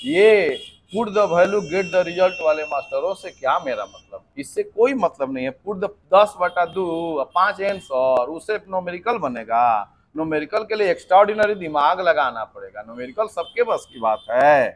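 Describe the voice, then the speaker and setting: A man's voice: on the high side, moderate pace. A man teaching a physics lesson for exam preparation, mixing in English terms and answering his own questions. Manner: lively, mixes English terms, asks and answers himself.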